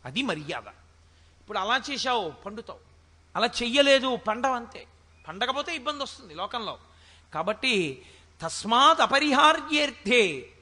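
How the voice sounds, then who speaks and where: High bright-voiced man giving a discourse. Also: big-room sound. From India. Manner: emphatic, rhetorical questions, chants Sanskrit verses. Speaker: spiritual discourse speaker. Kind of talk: religious discourse on scripture.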